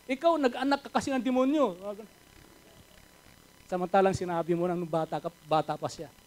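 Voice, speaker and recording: Filipino male pastor, high voice, sermon delivery that swells to loud emphatic calls. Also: fairly quick, rough recording. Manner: preaches in mixed Tagalog and English, rising to loud emphatic calls. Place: church service.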